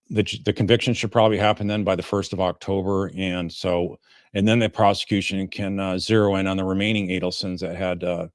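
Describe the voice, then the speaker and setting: A man hosting a livestream of legal commentary, talking informally and haltingly as he takes audience questions. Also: low-pitched, dry recording, clean studio sound. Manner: halting, informal, rambling delivery. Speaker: host, defense lawyer commenting on a trial.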